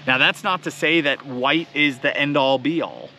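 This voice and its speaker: Bearded fishing host talking on a boat. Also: male voice, a little high, unhurried, a little hiss or hum. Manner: relaxed, explanatory, chuckles often. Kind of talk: casual outdoor talk to camera. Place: small fishing boat on a lake, outdoors. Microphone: camera mounted on the boat.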